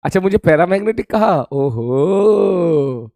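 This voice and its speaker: In a live-streamed class, a male physics teacher with a hoarse, worn throat talks freely and animatedly to his students, taking his time. His mellow voice sits a bit high for a man, and he repeats greetings while calling them "beta," captured in a close, dry recording.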